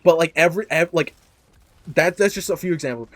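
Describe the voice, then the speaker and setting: A man's voice: fairly high pitch, a little fast, no room sound. Young man rambling in casual chat. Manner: rambling, self-deprecating, bursts of loud exclamation. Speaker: podcast host.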